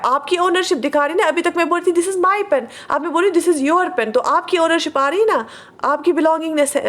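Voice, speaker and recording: Woman, online teacher, fairly high voice, patient explaining, repeats questions to the class, slow example sentences. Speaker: English teacher. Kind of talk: online grammar class taught in Hindi.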